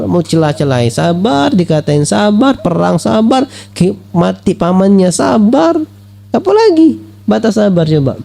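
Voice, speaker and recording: A man preaching at a religious study lecture, lively and full of rhetorical questions, acting out the voices he quotes. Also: on the high side, gravelly. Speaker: Islamic preacher.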